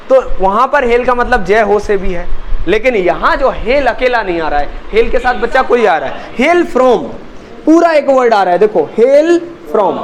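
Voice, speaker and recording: A man with an Indian accent teaches a spoken English class and speaks in a strikingly high voice. He is emphatic, slows right down to drill each phrase and keeps asking the students to say it back. Faint traffic noise sits behind him. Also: poor audio. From Indore, India. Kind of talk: classroom language lesson.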